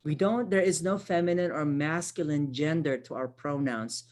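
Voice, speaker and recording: This workshop presenter, a social worker from the Philippines who speaks Tagalog, teaches online in a chatty manner with frequent "right?" check-ins and self-corrections. Her voice is deep and a little mellow, at a moderate pace.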